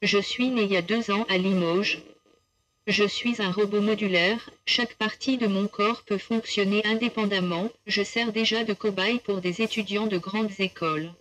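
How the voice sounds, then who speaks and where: A humanoid robot speaking with a synthesized female text-to-speech voice, as a guest on a TV studio set, in an even, measured manner. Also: medium pitch, poor audio. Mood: calm.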